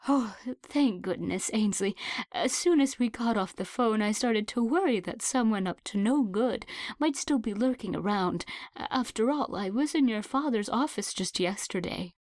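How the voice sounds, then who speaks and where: Meet a fussy grandmotherly neighbor, as the woman reading puts her on, her voice quavering and slightly raised in pitch, fretting and a bit breathless. It's an audiobook read in a dry, close room. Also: lively intonation, moderate pace, a little mellow, no echo, close to an everyday voice. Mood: fretful.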